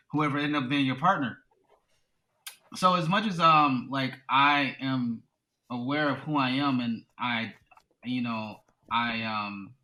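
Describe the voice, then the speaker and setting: An American man in his thirties appears as a podcast guest in casual conversation, working through his ideas thoughtfully and saying "you know" a lot. His voice is medium-pitched with a sharp tone. The recording is low quality, with slight background noise.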